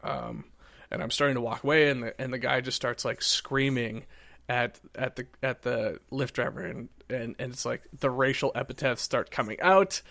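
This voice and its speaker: A podcast host in his thirties from Iowa tells a rambling story with lots of fillers and acted-out quotes. His voice sits at an ordinary mid pitch. The sound is dry and close, with no room around it. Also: steady tone, normal speed, vocal fry, fairly bright tone, no room sound. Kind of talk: casual chat, telling a story.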